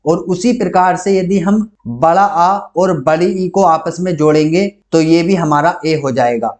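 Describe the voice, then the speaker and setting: High-voiced man teaching grammar step by step. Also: darkish tone. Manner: methodical, repeats each rule step by step. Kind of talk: online grammar lesson.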